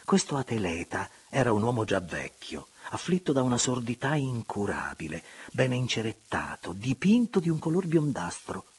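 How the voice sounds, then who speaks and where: A man narrating a literary audiobook in an expressive, measured way. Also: mid-range voice, slightly rough. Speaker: audiobook reader.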